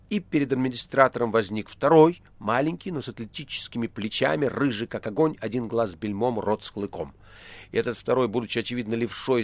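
A man reads a novel aloud in an expressive, steady storyteller's voice of ordinary male pitch. The recording is close and dry, with no room sound. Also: no echo. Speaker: audiobook narrator. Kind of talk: literary audiobook reading.

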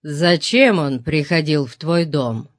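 A man's voice: on the high side, expressive, slow pace, dry recording, studio quality. Man reading a curt stern interrogator. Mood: interrogating. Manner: curt, pressing questions. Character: stern male inquisitor, cold interrogator.

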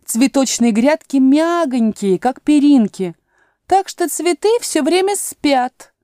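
A woman's voice: high voice, expressive, slow, dark tone, no echo, clean studio sound, voice pushed up. A woman voicing a haughty, hot-tempered talking flower in a storybook reading, imperious and scolding.

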